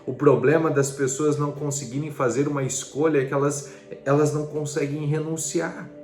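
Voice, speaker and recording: A man's voice: on the high side, level tone, fairly quick. A man preaching a devotional sermon, earnest and urging, asking the listener rhetorical questions. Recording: roomy with soft music behind. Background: soft background music.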